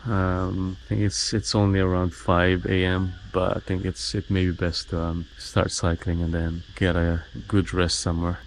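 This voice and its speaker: A sleepy man talks casually to his camera at dawn, rambling with plenty of fillers. His voice sits low. Faint traffic from a nearby highway hums in the background. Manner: relaxed, rambling, many fillers. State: sleepy, yawning. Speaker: travel vlogger. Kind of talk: casual vlog talk to camera. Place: roadside hut by a highway at dawn. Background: passing trucks and cars.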